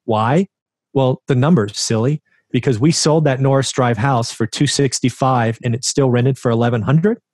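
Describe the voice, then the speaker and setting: A real estate investor in his forties tells his story conversationally as a guest on an interview show, often adding a rhetorical "right?". His mid-range voice has a darkish tone at normal speed. The recording is dry and studio quality.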